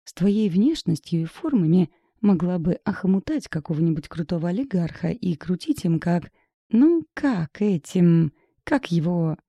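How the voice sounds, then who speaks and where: A woman voicing a brash, tipsy middle-aged female friend in an audiobook, loud and whiny. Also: on the low side, lively intonation, normal speed, dry recording, studio quality. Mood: tipsy complaining. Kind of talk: audiobook character voice.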